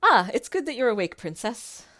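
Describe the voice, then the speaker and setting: A woman voicing a gentle, polite and reassuring fairy in a story game. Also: on the high side, sing-song, moderate pace, pitched above the performer's own voice. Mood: kindly.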